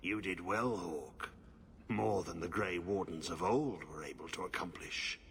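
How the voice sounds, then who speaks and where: A gravelly old warden. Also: male voice, sits low, fairly bright tone, slight background noise, full character voice. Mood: grateful. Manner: slow, solemn, grave. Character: old weary male warden, once tormented.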